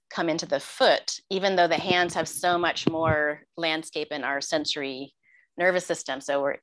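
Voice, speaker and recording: Gentle low-voiced woman teacher. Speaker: meditation teacher, guest. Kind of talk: conversational interview.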